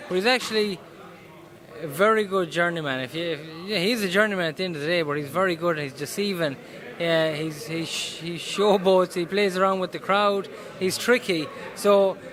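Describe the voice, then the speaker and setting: A man with a west of Ireland Mayo accent answering interview questions casually as a boxer, earnest and often repeating his phrases. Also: sits high. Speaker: professional boxer being interviewed. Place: indoors in a boxing gym. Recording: busy gym noise behind voice.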